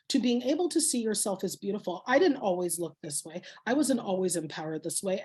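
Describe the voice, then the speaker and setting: Woman, husky voice, passionate, motivational, storytelling interview guest. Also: mid-range voice, darkish tone. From Canada. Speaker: guest speaker. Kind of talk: interview conversation.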